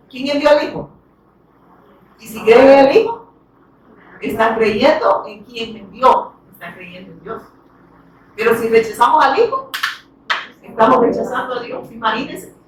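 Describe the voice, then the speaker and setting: A woman preaching a sermon who asks her congregation questions and answers them herself, her voice rising loud for emphasis and dropping to soft asides. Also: a little high. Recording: very echoey hall from far off, faint noise.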